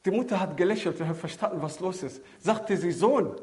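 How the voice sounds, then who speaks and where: A man giving a sermon to a seated audience, swinging from loud exclamations to low murmured phrases. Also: brisk. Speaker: preacher. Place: lecture hall with seated audience.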